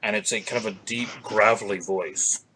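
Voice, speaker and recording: A man's voice: on the low side, steady tone, normal speed, sharp tone, slight background noise, poor audio. A middle-aged man narrating a tabletop game as game master over a video call from a room at home.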